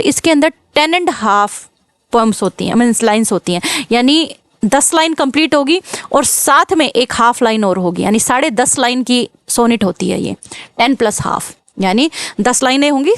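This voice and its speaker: A woman teaching poetry for exam prep, explaining patiently, mixing English terms into her talk and reading quoted lines slowly. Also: high-pitched, no room sound. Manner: explains patiently, checks in with "ok" and "clear"; mixes English terms into Hindi. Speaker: literature teacher.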